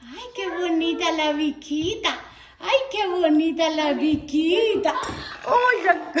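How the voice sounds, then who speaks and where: A woman's voice: very high voice, slow, noisy background. A woman chatting in doting, sing-song baby talk to her pet parrots at home, often laughing. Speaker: parrot owner and vlogger.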